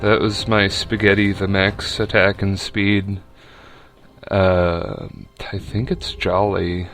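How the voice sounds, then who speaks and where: A young man with a lowish voice talks his way through a game battle at a slow, easy pace. He rambles and restarts his sentences, with plenty of ums along the way. Faint music plays underneath. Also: level tone, a bit bright. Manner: rambling and unhurried, with many fillers and restarts. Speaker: video game player. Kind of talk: casual commentary over a game battle.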